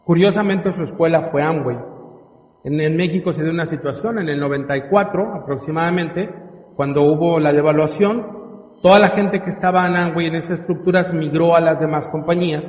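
High-voiced man speaking in a hall. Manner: acts out dialogue, dramatic pauses. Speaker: motivational speaker at a business event. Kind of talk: emotional storytelling speech to an audience. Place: large hall with a live audience. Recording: echoey hall, dull sound.

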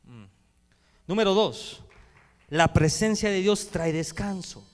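A man preaching a sermon as pastor. He swings between loud preaching and hushed speech and speaks directly to the congregation. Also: high voice, slow, long reverb tail. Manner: addresses the congregation directly with calls to respond. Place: church hall.

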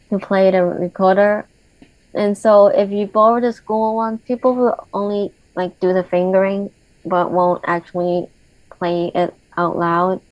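A woman's voice: mid-range voice, no echo. A woman chatting casually on a podcast, explaining with examples. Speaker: podcast participant. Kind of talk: casual chat. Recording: dry, dull-sounding mic.

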